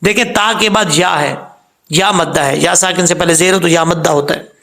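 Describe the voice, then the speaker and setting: Male tajweed teacher, high voice, gravelly edge, patient and methodical. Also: sharp tone. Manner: patient, repeats common mistakes and corrections; slowly spells out letters and vowel marks. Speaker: Quran recitation teacher. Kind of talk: step-by-step tajweed lesson.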